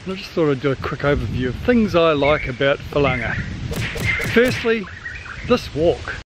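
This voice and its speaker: A man's voice: on the high side, sing-song, normal speed, noisy background. A man in his fifties with a New Zealand accent, chatting casually as he walks and films a sailing vlog on a tropical island. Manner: chatty, upbeat, teasing. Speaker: sailing vlogger. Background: music.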